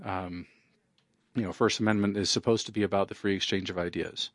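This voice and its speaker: A man's voice: sits low, steady tone, brisk, no echo, studio quality. A man who works as an estate planning attorney, talking in a wry, conversational way and leaning on "you know". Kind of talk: casual spoken monologue.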